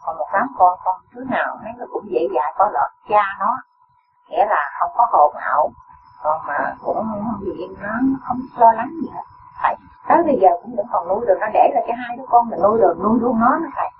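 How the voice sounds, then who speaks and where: Older man, high voice, far-off noisy line. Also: expressive, quick pace. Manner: weary, troubled account. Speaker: follower asking a question. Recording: distant, phone-like and noisy.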